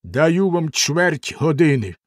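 A cruel husband threatens in slow, heavy words and bursts into loud shouts, as a man plays him in a fairy-tale reading. The voice stays near the reader's own, hard and menacing. The sound is dry and close. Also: fairly high pitch, sing-song, dry recording, voice pushed up. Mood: stern. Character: cruel stern husband, murderous.

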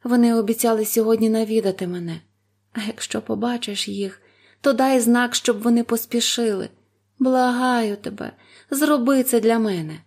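A woman's voice: fairly high pitch, normal speed, a little mellow, pitched above the performer's own voice. A woman voicing a terrified young wife in a storybook, pleading in a raised, desperate voice.

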